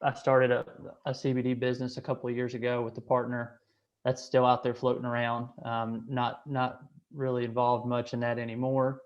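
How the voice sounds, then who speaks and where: A man's voice: medium pitch, completely flat delivery, normal speed. A man, hosting an online meeting in a hesitant way, with many restarts and fillers. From Kentucky, USA. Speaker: association director hosting a call. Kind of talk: casual online meeting talk. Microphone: video call. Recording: slightly dull call audio.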